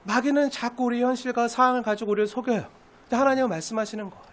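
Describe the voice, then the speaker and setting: A man preaching a Sunday sermon in a very high speaking voice. He is emphatic and drives his points home with rhetorical questions to the congregation. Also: steady tone, rapid-fire. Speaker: pastor.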